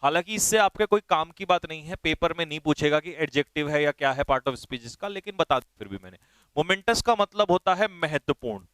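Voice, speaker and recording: Male teacher, brisk and directive, slightly high voice, smooth and resonant, dry close sound. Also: expressive, fairly bright tone, no echo. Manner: brisk and directive, spells words letter by letter. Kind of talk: online vocabulary class.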